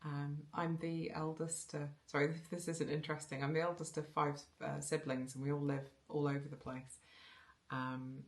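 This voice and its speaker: A woman's voice: low voice, level tone, moderate pace. A woman with a Home Counties English accent who chats casually about her knitting, rambling with restarts. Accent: generic Home Counties English. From South Wales. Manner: chatty, rambling, with fillers and restarts. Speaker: knitting podcaster.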